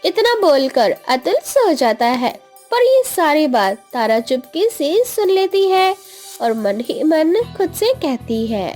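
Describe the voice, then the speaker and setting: A woman narrating a cartoon story with an expressive, storybook delivery. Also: sits high, slow pace, faint music behind.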